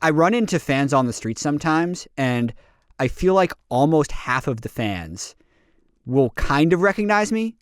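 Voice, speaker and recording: A man's voice: on the high side, sing-song, measured pace, clean tone, no room sound, studio quality. A man hosting a podcast, chatting casually and upbeat with a guest. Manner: upbeat, conversational, reads out lists. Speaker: podcast host.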